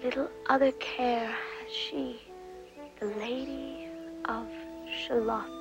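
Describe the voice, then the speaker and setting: A woman's voice: fairly high pitch, steady tone, takes it slowly, gravelly, over loud music, poor audio. An actress playing an imaginative orphan girl who speaks earnestly in formal, wordy phrases. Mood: reciting softly.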